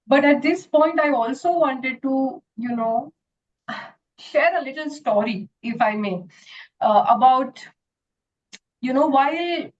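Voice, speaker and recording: An earnest woman homeopath speaking in a slightly higher voice, leaning on many "you know" fillers as she explains her work. The recording is dull and muffled. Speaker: guest, retreat founder and homeopath. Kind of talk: interview answer and storytelling.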